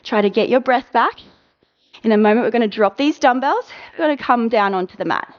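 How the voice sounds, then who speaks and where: Brisk, encouraging woman fitness instructor. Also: on the high side, lively intonation, lo-fi sound. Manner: encouraging, brisk coaching with countdowns. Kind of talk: live workout cueing.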